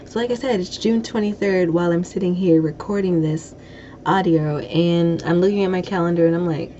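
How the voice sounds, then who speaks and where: Speaking briskly in a fairly low, mellow voice, a podcast host chats casually, rambling and catching her own mistakes. She has a slight lisp from a broken tooth, heard through dull lo-fi audio with a little noise.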